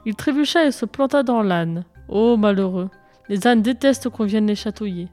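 Woman reading a lively storybook. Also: a little high, fairly quick, soft background music. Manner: lively, expressive read-aloud. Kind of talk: storybook narration.

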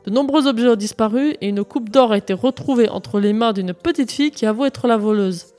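A woman's voice: on the high side, fairly quick, warm tone, soft background music, lightly acted. A woman playing a stern village police sergeant. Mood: formal. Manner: stern, commanding.

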